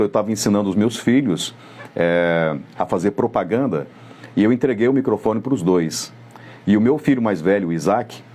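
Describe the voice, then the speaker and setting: A middle-aged man with a Brazilian Portuguese accent, giving a live lecture as a communication coach in a measured, didactic way, speaking straight to the listener. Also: fairly low pitch, mellow, breathy edge.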